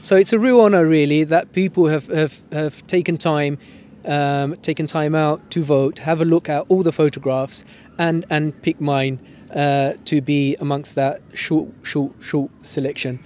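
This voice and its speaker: A man in his forties with an East London accent touched by Sylheti Bengali speaks haltingly in an interview, full of fillers, and mixes his languages freely. His voice sits a little high for a man. A faint hiss of background noise runs under him. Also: steady tone, a little mellow. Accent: East London English with Sylheti Bengali. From Bangladesh. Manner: hesitant, many ums, switches between English and Sylheti. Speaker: photographer. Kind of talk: news interview.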